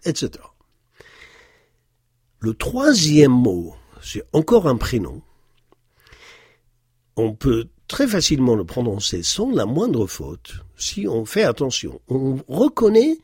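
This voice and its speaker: A man teaches a language lesson, speaking slowly and pausing often to find his words. His husky voice rises and falls in a lively way as he repeats words to model their sound. The recording is dry and close. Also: medium pitch, no echo. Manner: slow, patient explanation with frequent hesitations. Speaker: Arabic teacher.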